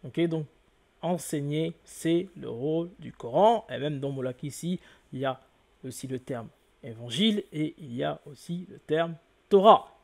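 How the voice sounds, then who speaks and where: A man's voice: a little high, lively intonation, moderate pace, vocal fry. A man giving an explanatory lecture to viewers, spelling out letters one by one and often correcting himself. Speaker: lecturer on word origins.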